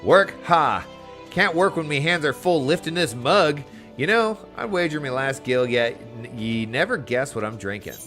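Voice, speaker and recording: Man putting on a cocky, loud pirate deckhand. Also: a little high, animated, normal speed, soft background music, voice pushed up. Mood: boastful. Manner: piratical, taunting. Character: cocky, lazy male pirate deckhand, defiant and scornful. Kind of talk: video game dialogue read aloud in character.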